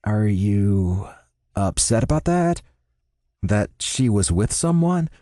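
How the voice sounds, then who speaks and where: A man's voice: fairly low pitch, very animated, takes it slowly, dark tone, no room sound, studio quality. A man voicing a curious, mild-mannered young male housemate in an audiobook.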